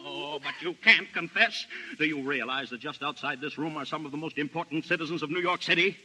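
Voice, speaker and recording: Raspy, pompous newspaper boss. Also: male voice, on the high side, a little fast, sharp tone, heavily acted, poor audio. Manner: pompous, oratorical. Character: pompous, excitable newspaper boss, easily scandalized. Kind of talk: 1930s screwball film comedy acting.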